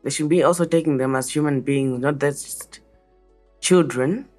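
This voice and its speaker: A woman's voice: sits low, moderate pace, a little mellow, faint music behind. A teenage girl from Malawi answering interview questions in an earnest, careful way. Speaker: child guest.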